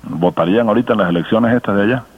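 A man's voice: lowish voice, rapid-fire, breathy edge. A man with a Venezuelan accent hosts a call-in radio chat, talking in a friendly, joking way. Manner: warm-hearted, chatty, joking. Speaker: radio host. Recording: phone-like radio broadcast.

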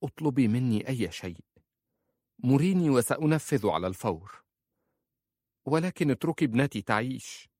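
A man's voice: on the low side, moderate pace, pauses often, a little mellow, no room sound, clean studio sound, lightly acted. A man voicing a desperate young mother held captive, begging with breathless urgency.

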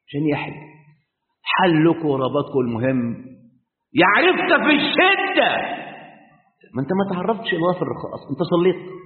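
A male preacher with an Egyptian Arabic accent delivers a sermon, his fairly high voice leaping up and down as he fires rhetorical questions and drops to a hush. The sound is thin and phone-like. It rings with a long reverb from a large hall. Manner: animated preaching with rhetorical questions, swinging between loud and hushed.

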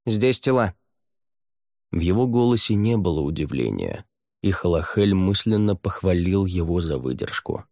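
Deep-voiced male audiobook narrator. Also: darkish tone, no room sound, clean studio sound. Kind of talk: scripted fantasy narration.

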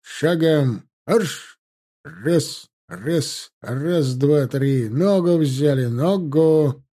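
A man voicing an officer who shouts clipped drill commands at new recruits in a storybook reading. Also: a little high, lively intonation, drawn-out words, full character voice. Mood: commanding.

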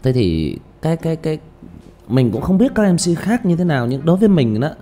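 A man's voice: a little high, sing-song, fairly quick, mellow. A man hosting a casual livestream, rambling with frequent restarts and repeated words. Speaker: livestream host and ghost story reader. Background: faint background music.

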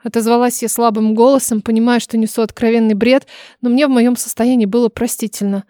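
A woman with a fairly high voice narrates an audiobook in first person, reading with dramatic expression. The sound is close and dry, with no room around it. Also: flat delivery, a little fast, dark tone, dry recording.

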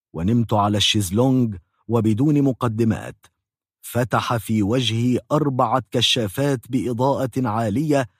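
A man's voice: medium pitch, no room sound, clean studio sound. A man with an Egyptian Arabic accent telling a comic first-person story in a mock-dramatic, exaggerated way.

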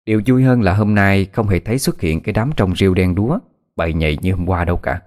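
A man narrating a scripted ghost story in a steady, even storytelling manner. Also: low-pitched, fast talker. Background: faint music.

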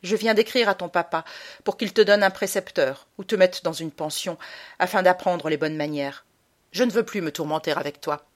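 A woman's voice: lowish voice, normal speed, lightly acted. Woman reading a cold, commanding mother in an audiobook, curt and severe. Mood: stern. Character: stern, cold aristocratic mother. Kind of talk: audiobook character voice.

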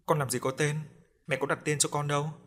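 A man's voice: a little high, little pitch movement, a little fast, fairly bright tone, natural voice. A man voicing the ghost of a beaten baby boy, pleading and sobbing in a raised voice.

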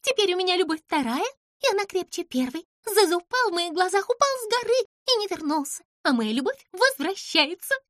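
Squeaky shrill little animal girl, bossy and over the top, super high and jumpy, dry sound. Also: very animated, fairly quick, a bit bright, no echo, full character voice. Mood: excited. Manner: breathless, demanding, dramatic. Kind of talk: audiobook character voice.

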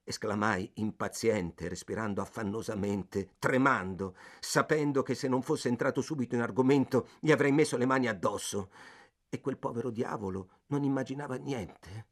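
A male audiobook reader giving a dramatic literary narration. His first-person telling is intense, moving between hushed, gloomy passages and sudden agitated surges. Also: mid-range voice.

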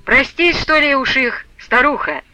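A woman reading a stern but kind old peasant father who shouts and scolds, in an audiobook. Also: very high-pitched, lively intonation, unhurried, no room sound, pitched above the performer's own voice, heavily acted. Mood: softened.

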